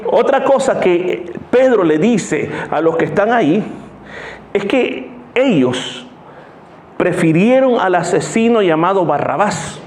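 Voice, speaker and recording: A man's voice: high-pitched, animated, slow, a little mellow. A pastor delivers a sermon. He tells stories and slips into the voices of the people in them as he goes. The sound carries the echo of a church hall. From El Salvador. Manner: storytelling, acts out voices in anecdotes.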